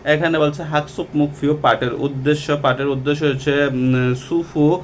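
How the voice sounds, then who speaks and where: A man teaching Korean vocabulary from a textbook, talking slowly and repeating each word with many hesitations. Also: on the high side, flat delivery, faint music behind. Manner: slow and repetitive, with many hesitations. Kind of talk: textbook lesson explaining vocabulary.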